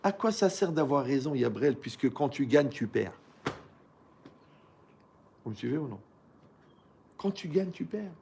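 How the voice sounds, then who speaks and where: Gravelly, animated rabbi teaching. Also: male voice, medium pitch, a little slow, pauses often, a little hiss or hum. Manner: colloquial, animated storytelling with rhetorical questions. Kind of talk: lively Torah lesson to young listeners.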